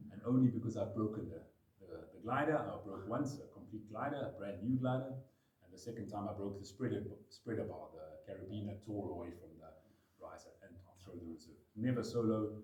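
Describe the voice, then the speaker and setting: A man's voice: lowish voice, a little mellow. Chatty man in echoey room. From South Africa. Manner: chatty, self-deprecating, laughs often. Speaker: paragliding pilot giving a talk. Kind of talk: informal talk to a live audience. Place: room with a gathered audience. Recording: echoey room, voice off-mic at times.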